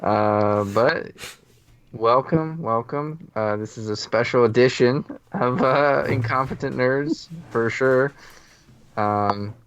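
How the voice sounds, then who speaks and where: A man's voice: medium pitch, fairly even intonation, takes it slowly, clear, resonant tone, muffled recording. A man co-hosting a podcast in casual, conversational chat. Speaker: podcast co-host.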